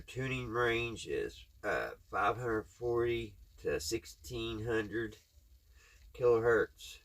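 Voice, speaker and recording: He's from Kentucky, hosting a hobby repair video channel, and he rambles casually and plainly in a folksy Kentucky Southern accent while working with his hands. The voice is fairly low and a bit bright, with no room sound at all.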